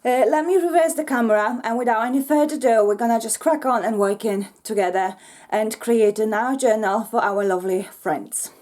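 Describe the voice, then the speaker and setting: A woman from Poland with a Polish accent, a slightly croaky voice and an earnest manner, hosting a crafting tutorial. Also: a little high, a little fast. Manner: warm, earnest, many fillers. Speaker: craft channel host.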